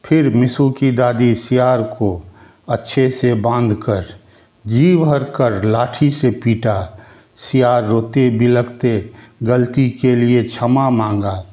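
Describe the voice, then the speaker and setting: A man tells a children's folk tale at a slow, measured pace. His voice is mellow and medium in pitch. The recording sounds slightly dull and lo-fi. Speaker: storyteller.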